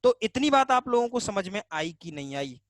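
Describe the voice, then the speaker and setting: A man's voice: high-pitched, very animated, moderate pace, no room sound. A male teacher gives a casual online grammar class, asking the class questions and answering them himself, repeating key terms to drill them. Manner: casual and chatty.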